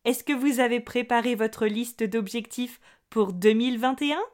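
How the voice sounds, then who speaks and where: Woman podcast host, fairly high voice, clear teaching delivery, friendly and direct with listeners. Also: moderate pace. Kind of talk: clear, slow-paced podcast lesson for learners.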